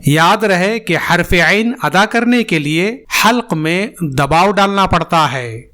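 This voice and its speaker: A teacher giving a tajweed lesson, speaking slowly and deliberately, spelling out letters and modelling sounds for the learner to repeat. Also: medium pitch, lively intonation, sharp tone. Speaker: Quran pronunciation teacher. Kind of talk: tajweed lesson with repetition drills.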